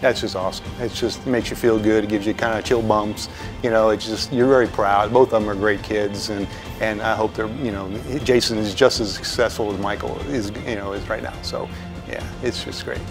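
A man's voice: on the low side, fairly even intonation, brisk, rough recording. A man from the players' family, speaking proudly and plainly with many fillers. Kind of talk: sports interview. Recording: background music under voice.

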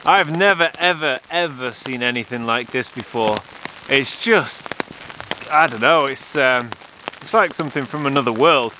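A man's voice: medium pitch, moderate pace. A man in his thirties, a landscape photographer, chatting eagerly to a handheld camera outdoors in a rain forest. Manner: enthusiastic, chatty, excitable. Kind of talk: casual vlog to camera. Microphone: camera mic, handheld close. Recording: heavy rain noise on the mic. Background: steady rain falling.

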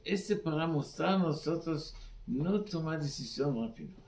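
A rabbi giving a weekly sermon in halting, simple Spanish that is sprinkled with terms. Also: male voice, fairly high pitch, expressive, darkish tone, reverberant.

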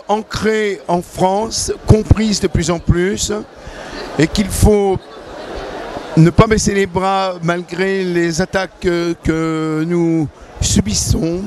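An older man giving a measured, hesitant statement into a handheld microphone at an exhibition stand. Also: high voice, darkish tone, a little hiss or hum. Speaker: interviewed activist. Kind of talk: interview statement. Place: indoor exhibition hall stand.

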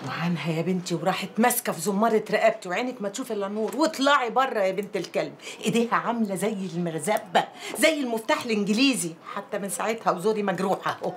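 An actress playing a chatty Egyptian neighborhood auntie who gossips dramatically. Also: female voice, medium pitch, expressive, racing, slight background noise, natural voice. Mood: gossiping.

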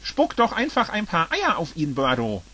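A man voicing a rash, impatient young boy in a fan-made audiobook, bossy and shouting. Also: a little high, huge pitch swings, moderate pace, breathy edge, exaggerated voice.

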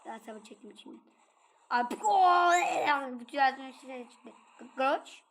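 A woman with a notably high voice runs through a casual let's-play, talking straight to her viewers. She is chatty and playful, easily excited by what happens on screen. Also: normal speed, creaky. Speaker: gaming channel host.

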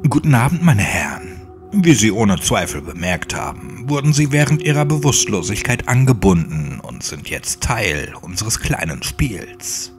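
A man voicing a cold, sadistically polite male captor speaking over a loudspeaker in a horror audiobook. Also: lowish voice, very animated, unhurried, music in the background, voice pushed up. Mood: coldly polite. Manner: formal, mocking politeness.

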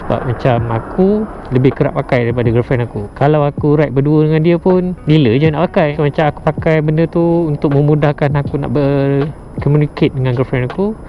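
Brisk and with few pauses, the young man reviews a product from his motorbike at the roadside, his Malaysian-accented speech slangy and mixed with English words. His pitch is on the high side and fairly even. Background noise and loud added music sit behind a dull, muffled recording.

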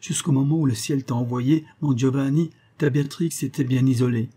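A gentle young woman raised among poison flowers, tender and pleading, as a male audiobook reader puts her on. Her voice sits well above his own, softly husky and mellow, in the manner of a storybook reading. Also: fairly even intonation, fairly quick, close to an everyday voice. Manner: soft, pleading, raised pitch.

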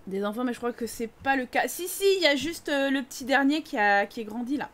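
Young parisian woman on a live stream, high voice, teasing chatter with viewers. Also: fairly quick, fairly bright tone, a little hiss or hum. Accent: Parisian French. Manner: chatty, teasing, reads chat aloud. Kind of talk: casual live-stream chat over gameplay.

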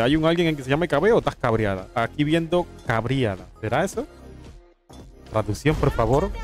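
A man with a Panamanian accent giving live esports commentary, calling plays and teasing the chat between them. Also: a little high. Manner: playful, teasing chat with viewers between play-by-play. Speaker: esports caster.

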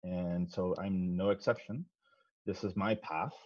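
Speaking slowly in a low voice, a man in his thirties from the Netherlands presents a casual science talk over a video call from his home office, using a headset. He is a guest speaker and physicist, relaxed and self-deprecating with many ums, and the recording is dry and slightly dull.

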